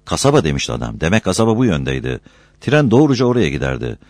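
Deep-voiced man reading a novel. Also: big pitch swings, quick pace, creaky, darkish tone, no echo. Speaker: audiobook narrator.

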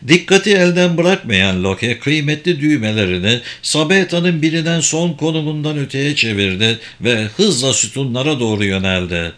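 A man's voice: medium pitch, fairly bright tone. Man reading an audiobook aloud. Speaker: audiobook narrator. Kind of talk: scripted audiobook narration.

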